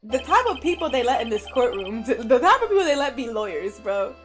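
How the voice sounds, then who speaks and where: Slangy, animated young woman streamer. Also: a little high, fairly quick, faint music behind. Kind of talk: casual live gameplay commentary.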